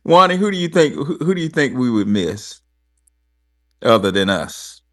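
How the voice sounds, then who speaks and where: A man's voice: mid-range voice, normal speed. A man from Alabama hosts a loose, casual talk show. His voice sits in the middle range. He speaks bluntly and with animation. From Alabama, USA. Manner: animated and blunt, with frequent restarts and swearing. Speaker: host.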